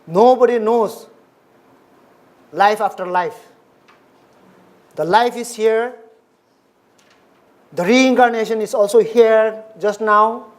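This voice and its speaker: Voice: mid-range voice, takes it slowly, pauses often. A speaker from Nepal, giving a dharma talk in short, simple, repeated English phrases. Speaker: Buddhist lecturer.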